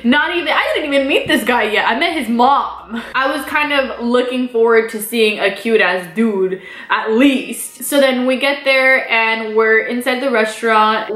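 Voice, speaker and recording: A woman's voice: on the high side, fairly bright tone. Chatty, profane young woman. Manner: chatty, profane, lots of fillers. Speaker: vlogger. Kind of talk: casual storytelling over a mukbang. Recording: echoey room.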